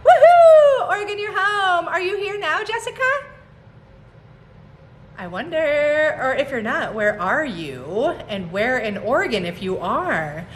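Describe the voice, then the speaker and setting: A woman's voice: high-pitched, very animated, measured pace, slight background noise. A woman in her forties, a herbalist, chatting casually on a phone livestream, laughing often and greeting viewers by name. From United States. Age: 40s. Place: home on a mountain, indoors.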